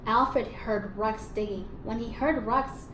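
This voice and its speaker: A woman teacher, her voice a little high, steady in tone, and slow, reads a storybook aloud to young pupils. She reads expressively, prompting the children with questions and affirming their answers. There's a roomy echo and faint background noise.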